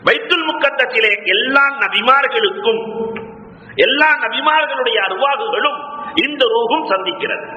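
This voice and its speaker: A man's voice: high voice, slight background noise. A man preaching a sermon, repeating words for emphasis and calling his listeners beloved. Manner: repetitive orator, addresses listeners as beloved. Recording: echoey hall, dull lo-fi sound.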